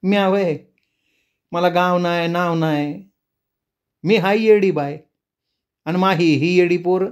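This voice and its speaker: A man's voice: high-pitched, takes it slowly, long pauses, smooth, pitched above the performer's own voice. A man voicing a strange, eerie young pregnant village mother who talks in a rustic village way. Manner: rustic village speech, odd mad laughter.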